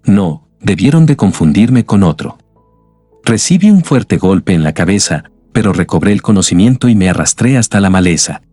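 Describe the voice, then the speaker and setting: A man voicing a weary, scarred man in an audiobook, speaking quietly and ruefully. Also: low-pitched, very animated, normal speed, dry recording, soft background music. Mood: calm.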